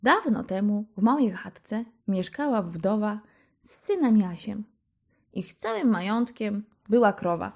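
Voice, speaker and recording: A woman narrating a children's fairy tale. Her delivery is slow and gentle, with a mid-range voice and an easy storybook cadence. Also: mid-range voice, sing-song, gravelly.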